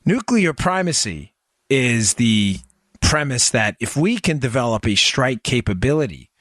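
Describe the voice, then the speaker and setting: A man at mid pitch hosts a political talk show, driving his points home with emphatic, direct explanations aimed at his audience. He often restarts his sentences mid-thought. The studio sound is close and dry, with no room echo. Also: big pitch swings, a little slow, a bit bright. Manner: emphatic, talks straight to listeners, frequent restarts.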